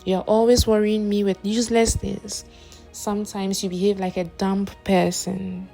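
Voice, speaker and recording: A woman's voice: mid-range voice, a little slow, gravelly, a little mellow, faint music behind. A woman voicing a defensive young man who snaps curtly at his sister, in a storybook narration. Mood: irritated. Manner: snappish, curt.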